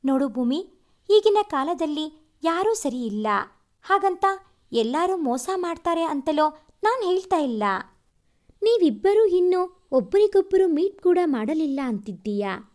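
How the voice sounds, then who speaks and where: A woman reading an outspoken young friend in a storybook, teasing and lecturing with spirit. Her voice sits high and swings widely, warm and mellow in tone. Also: very animated, measured pace, pauses often, heavily acted. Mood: teasing, cautioning.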